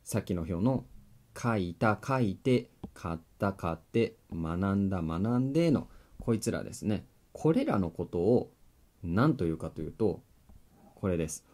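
Lively low-voiced male teacher. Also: a little slow. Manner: friendly explaining, asks the viewer questions; writes on a board while talking. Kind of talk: video lesson on grammar.

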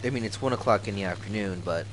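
A man's voice: fairly low pitch, quick pace. A tired man giving casual, rambling commentary while playing a flight combat game, yawning and apologizing now and then. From Florida. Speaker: gamer. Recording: noisy home recording.

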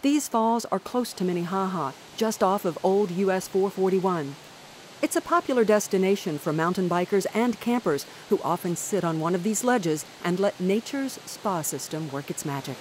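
Calm woman narrating a nature documentary. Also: medium pitch, slight background noise, low-quality recording. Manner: calm, measured storytelling.

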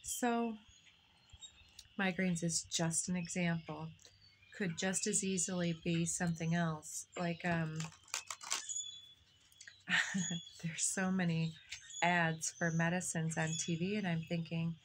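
A woman giving a meditative spiritual talk as a reader, channeling in a slow, meandering way and searching for her words. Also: on the low side, fairly even intonation, noisy background.

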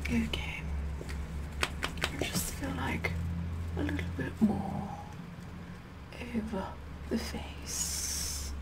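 A woman playing a vain, bossy Tudor queen in a slow, breathy whispered ASMR makeup role-play. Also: high-pitched, low-quality recording. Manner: slow, haughty, deliberate, repeating phrases.

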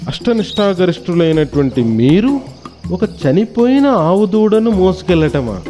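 A scheming thief from an animated children's tale, voiced by a man. He scolds in a scandalized tone, and his high, mellow voice carries a loud edge. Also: moderate pace, soft background music. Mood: scolding. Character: scheming male thief feigning disgust.

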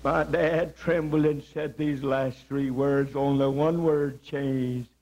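A male evangelist giving an impassioned testimony sermon. He swings between quiet moments and shouting and draws out his phrases for emphasis. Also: mid-range voice, steady tone, takes it slowly, low-quality recording.

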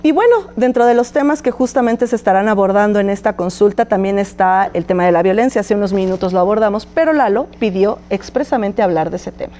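Mellow-voiced woman hosting a TV studio talk show. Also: medium pitch, soft background music. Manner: clear, measured and explanatory, with brief encouraging prompts. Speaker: host. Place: TV studio set.

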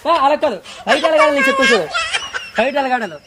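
Brief: high-pitched man, very quick, bossy director in a comedy skit. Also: lively intonation, very noisy. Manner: rapid, bossy, repetitive coaching. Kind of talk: comic skit, coaching an actor.

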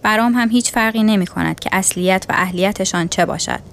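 A woman's voice: medium pitch, close to an everyday voice. Stern male sea captain voiced by a woman narrator, dignified and immovable; storybook reading. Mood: firm. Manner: firm, dignified, unyielding.

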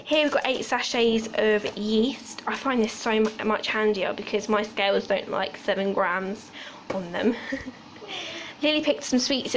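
A young woman from the UK talks through her shopping in an easy, chatty way, moving from item to item with little asides. Her voice sits a touch high. A faint hiss runs under the phone recording in a home kitchen. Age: 20s. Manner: chatty, unhurried, listing items with small asides. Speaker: vlogger. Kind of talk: casual grocery haul chat.

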